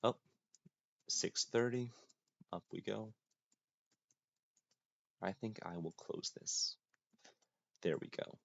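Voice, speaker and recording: A man's voice: on the low side, slow pace, vocal fry, long pauses, a bit bright, dry recording. A young man giving casual gameplay commentary, muttering to himself and joking at his own expense in a dry, self-mocking way. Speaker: gaming YouTuber. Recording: dull lo-fi, dry.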